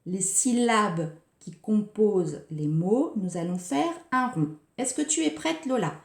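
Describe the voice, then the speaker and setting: A woman preschool teacher giving a recorded lesson for young children, speaking slowly and articulating each syllable with care. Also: mid-range voice, expressive, gravelly. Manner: slow, carefully articulated, scanning syllables. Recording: roomy echo.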